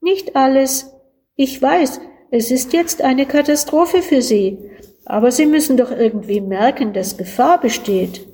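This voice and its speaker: Brief: a woman doing an eager, excitable young boy, high and bright, slow storybook read. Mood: pleading. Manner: excited, pleading. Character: eager curious young boy, a lord's son. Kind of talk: storybook reading.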